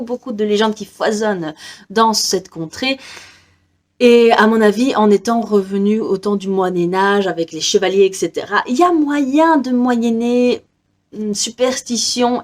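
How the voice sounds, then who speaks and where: A young woman from Belgium chatting casually about her reading list, hesitant with many fillers and frequent small laughs. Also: mid-range voice. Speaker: book vlogger. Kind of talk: casual book haul chat.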